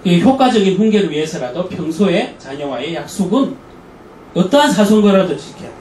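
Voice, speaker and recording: A male lecturer teaches a church parenting class, telling stories and acting out the people in them. His voice is high and swings widely in pitch. He is heard from some distance in an echoey hall with faint noise behind. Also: brisk. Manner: animated storytelling, acts out quoted people.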